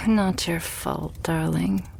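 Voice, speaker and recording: In an intimate ASMR roleplay, a woman plays a loving, possessive vampire girlfriend, hushed and tender, with breathy sighs between phrases and a soothing, devoted mood. Her exaggerated voice is on the low side and very slow, with slight background noise.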